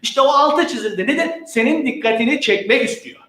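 A man teaching an exam-prep lecture in a lively, playful, slangy manner, asking questions and answering them himself. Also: very high-pitched, brisk. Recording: echoey room.

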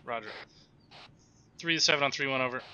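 A man's voice: medium pitch, a little fast, sharp tone, muffled recording. A man playing a military sim as commander, speaking in terse radio procedure from an indoor gaming setup. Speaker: task force commander in military sim game. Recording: game gunfire noise behind voice.

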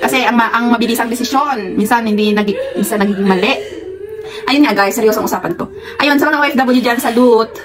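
A Filipina woman vlogging from her employer's home abroad, talking quickly in a chatty, friendly way to her viewers. Her voice sits a little high, and she often breaks into laughter between pieces of heartfelt, encouraging advice. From Philippines. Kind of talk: casual commentary to viewers.

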